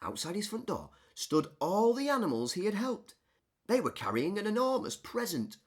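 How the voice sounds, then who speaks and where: A woman narrates a children's story with great expression. Her mid-pitched voice rises and falls very widely as she reads. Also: sing-song, moderate pace, husky. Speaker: storybook reader.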